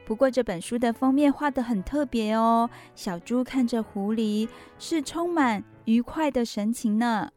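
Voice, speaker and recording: Female children's host, Taiwanese accent, higher register, bedtime storytelling addressed to young listeners, light music underneath. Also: a little slow, hardly any pauses. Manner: addresses young listeners directly with gentle sentence particles and questions.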